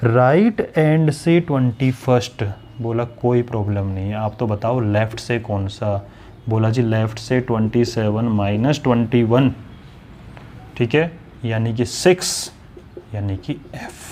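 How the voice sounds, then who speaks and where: A man's voice: mid-range voice, a little mellow. A man teaching an online exam-prep lesson, explaining step by step and often checking whether students follow. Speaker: maths and reasoning teacher.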